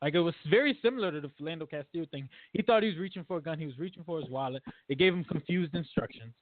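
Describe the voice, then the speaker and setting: A man's voice: a little high, very fast, no echo. A man hosting a casual podcast discussion, talking emphatically and acting out quotes. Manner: animated, emphatic, acts out quotes. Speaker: podcast host. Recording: dry phone-like audio.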